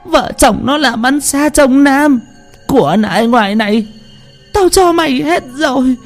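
A man's voice: very high-pitched, unhurried, soft background music, pitched above the performer's own voice. A man voicing an old mother who shrieks and scolds her grown son in a told ghost story. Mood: shrill scolding. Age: older.

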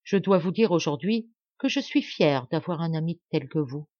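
A woman's voice: low-pitched, expressive, moderate pace, no echo. A kindly but stern old baron speaks with earnest dignity, voiced by a woman. The audiobook recording is dry and slightly dull. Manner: earnest, reproachful.

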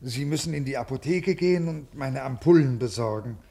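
Middle-aged official in classic radio play; husky, officious, rules first. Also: male voice, medium pitch, a little fast, dark tone. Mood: weary. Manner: formal, officious. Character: stiff, rule-bound male official, weary and ailing. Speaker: government official. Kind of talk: classic radio drama acting.

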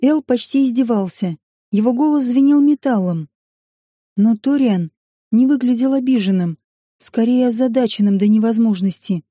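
Woman narrating an audiobook, fairly high voice but super mellow, even and measured. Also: no room sound, studio quality.

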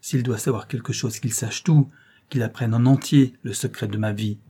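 A defiant young noblewoman, desperate and wild, flinging out loud outbursts, as a male reader puts her on. The voice sits dark and mellow with a husky edge. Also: medium pitch, fairly even intonation, moderate pace. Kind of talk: audiobook reading.

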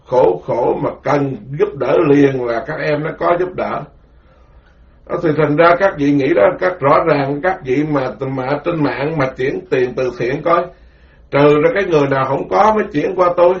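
A man, a Buddhist monk, giving a rambling, animated dharma talk full of stories. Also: a little high. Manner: rambling, animated storytelling with quoted voices. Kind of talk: informal spoken sermon. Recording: dull lo-fi recording.

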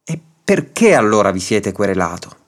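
A man voicing a calm, patient judge who reasons gently, in a radio story reading. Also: on the low side, normal speed. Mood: puzzled. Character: patient, wry male judge.

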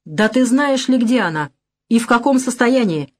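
A woman's voice: on the high side, lively intonation, normal speed, pitched above the performer's own voice. A woman voicing a young man who hurls hateful accusations at a drunk. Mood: accusing.

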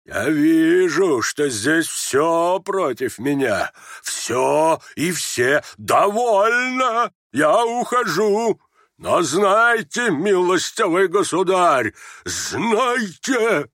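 A man reading aloud, voicing an old retired general who shouts, blusters and stammers. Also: mid-range voice, very animated, slow, hardly any pauses, dry recording, studio quality. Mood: raging. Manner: shouting, bellowing, stammering in confusion.

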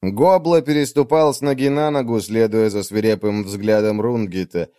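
A man narrating a story as a scripted audiobook. His voice sits fairly low and mellow. The sound is dry and close, and his reading stays steady and even. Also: normal speed, no room sound.

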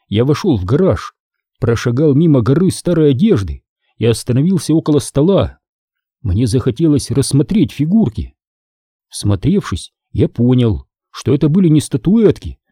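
A man narrating an audiobook in a lively storytelling manner. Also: mid-range voice, husky, dry recording, studio quality.

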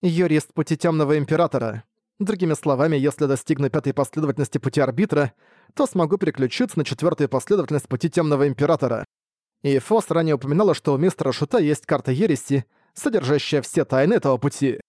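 A man's voice: fairly high pitch, expressive, fast, darkish tone, dry recording, studio quality, close to an everyday voice. A man reading the part of a young woman in an audiobook, reasoning aloud in a thoughtful way. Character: hopeful young woman weighing her options.

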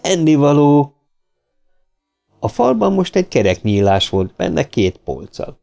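A man narrating a science fiction audiobook in a measured storytelling manner. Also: fairly low pitch, huge pitch swings, vocal fry, a little mellow, faint music behind. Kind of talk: scripted narration.

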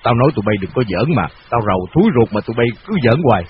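A grumbling, fretful old man, as an audiobook reader plays him. He talks quickly in hurried bursts and complains. The recording is dull and lo-fi with faint hiss. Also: mid-range voice, big pitch swings, natural voice.

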